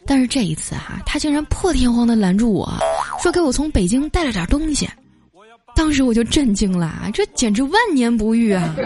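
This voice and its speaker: A woman telling funny stories in a lively, laughing way, as a host. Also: a little high, fairly quick. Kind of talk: comic storytelling. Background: background music.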